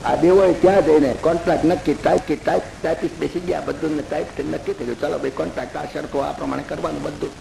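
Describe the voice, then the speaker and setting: High, gravelly storyteller man. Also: rapid-fire, few pauses, roomy sound, background noise. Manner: animated storytelling, acting out the characters' lines. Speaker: religious storyteller. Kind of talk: Bhagavata discourse retold in folksy everyday terms.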